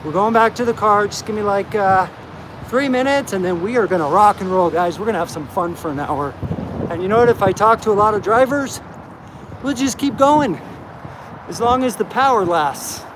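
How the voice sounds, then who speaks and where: Upbeat guy livestreaming off his phone outside, kinda high voice, lots of traffic noise behind him. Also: normal speed. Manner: upbeat, talks straight to chat. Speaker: livestream host. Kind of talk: casual live-stream vlogging. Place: outdoors at a truck stop parking lot. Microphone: handheld phone. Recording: phone audio with loud outdoor noise. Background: vehicle and outdoor noise.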